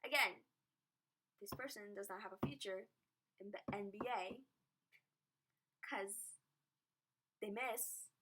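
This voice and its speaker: A woman's voice: medium pitch, slow pace, long pauses, noisy background. A teenage girl telling a story in a casual vlog, chatty and self-mocking. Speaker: vlogger.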